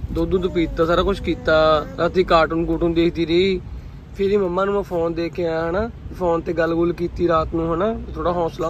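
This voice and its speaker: A man talking casually to the camera in a family vlog, in a quiet, subdued way. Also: on the high side, slight background noise. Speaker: family vlogger.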